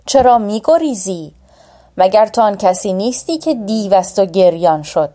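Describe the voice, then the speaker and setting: Lady reading as a proud young warrior prince, taunting and bossy, mellow dark tone, storybook. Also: mid-range voice, animated, close to an everyday voice. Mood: stern. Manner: taunting, commanding.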